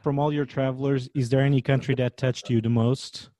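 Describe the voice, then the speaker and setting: A man's voice: mid-range voice, little pitch movement, brisk, warm tone, no echo. A man from Portugal with a Portuguese accent, hosting a podcast interview with friendly, upbeat introductions. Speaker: podcast host and chef.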